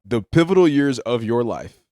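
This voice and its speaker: A man's voice: mid-range voice, moderate pace, dry recording. A man in his thirties, a podcast guest, talking in an easygoing, joking way as he tells stories. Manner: easygoing, joking, lively storyteller. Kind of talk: casual conversation. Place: indoors, on a couch.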